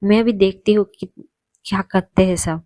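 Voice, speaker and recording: A woman storyteller voicing a defiant young woman who speaks slowly and challengingly. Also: medium pitch, steady tone, mellow, no echo, close to an everyday voice. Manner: defiant, deliberate.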